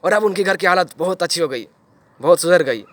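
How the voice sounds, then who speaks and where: High-voiced young man, dramatic monologue. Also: lively intonation, fairly quick, fairly bright tone, no room sound. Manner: repetitive, emphatic storytelling with sudden swells and drops. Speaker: actor performing an audition monologue.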